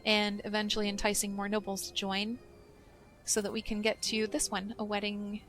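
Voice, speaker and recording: A woman's voice: medium pitch, monotone, moderate pace, fairly bright tone. Casual woman narrating her game. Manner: casual, thinks aloud while playing. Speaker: gaming channel host. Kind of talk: let's play commentary.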